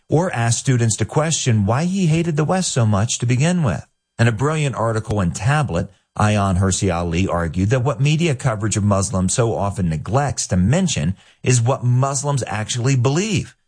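A man hosting a daily radio commentary, measured and pointed, with rhetorical questions. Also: lowish voice, a little mellow.

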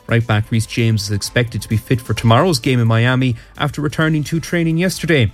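A man's voice: medium pitch, brisk. An Irish man reading a scripted radio bulletin as a news, weather and sport presenter. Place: radio studio. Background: music.

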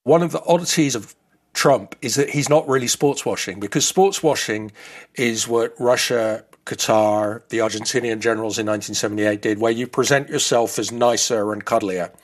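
A man's voice: medium pitch, normal speed. A man in his fifties who grew up in the Netherlands, explaining his views in a thoughtful way as an interview guest. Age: 50s.

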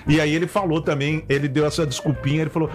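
A man's voice: on the high side, level tone, rapid-fire. A man co-hosting a casual news chat, telling stories with wry, teasing remarks and tag questions. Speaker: co-host.

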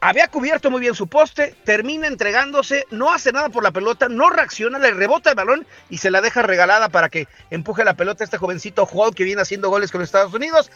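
A man's voice: sits high, quick pace, few pauses, pushed and bright, no echo, lo-fi sound. A man with a Mexican accent hosting a sports talk show, bantering with jokey wordplay.

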